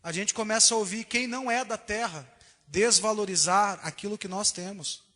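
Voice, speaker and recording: A man with a Brazilian Portuguese accent preaching a sermon as pastor in a church, animated and acting out voices. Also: high-pitched, normal speed. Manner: animated, acts out quoted voices. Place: church sanctuary. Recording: echoey church hall recording.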